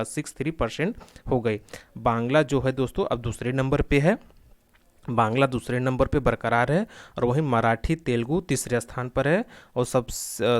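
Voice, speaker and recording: A male tutor working through exam practice questions in a lesson. He asks each question back to his listeners, then repeats the answer several times. He often breaks off a word and restarts it. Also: medium pitch. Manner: stops and restarts words often.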